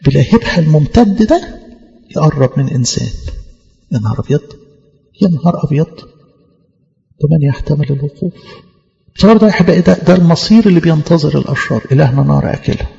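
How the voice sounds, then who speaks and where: A man with an Egyptian accent preaching a sermon in a church, fervent, repeating key phrases and slowing down for scripture quotes. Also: a little high, expressive, vocal fry, warm tone, in a large hall, lo-fi sound. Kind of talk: Coptic Orthodox sermon in Egyptian Arabic.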